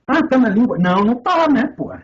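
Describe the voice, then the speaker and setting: A man from Brazil with a Minas Gerais accent, lecturing on philosophy in a sarcastic, profane way, with loud outbursts and quiet asides. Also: very high-pitched, lively intonation, brisk, lo-fi sound. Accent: Minas Gerais Portuguese. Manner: sarcastic, swearing, swings from loud outbursts to mutters. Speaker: philosophy teacher. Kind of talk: lecture commentary on a text.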